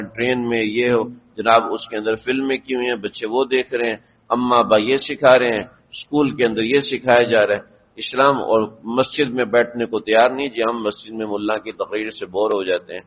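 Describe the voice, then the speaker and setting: A man's voice: mid-range voice, steady tone, slight background noise. A man preaching a sermon as a mufti, earnest and storytelling, rising to emphatic exhortation. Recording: dull lo-fi audio with long hall reverb.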